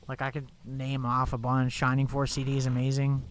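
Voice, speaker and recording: A young man talks loosely to his viewers while he plays, his voice stuffed up and congested. He rambles with plenty of filler words at a mid-range pitch, and a faint hiss sits under the recording. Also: monotone, fairly quick. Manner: chatty, rambling, many fillers like "like" and "you know". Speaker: streamer. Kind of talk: casual live-stream chat while gaming.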